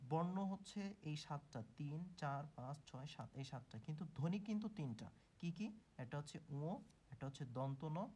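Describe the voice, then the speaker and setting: A man's voice: mid-range voice, darkish tone, slight background noise. A man teaching a grammar lesson who asks questions and answers them himself, with frequent "ah" fillers.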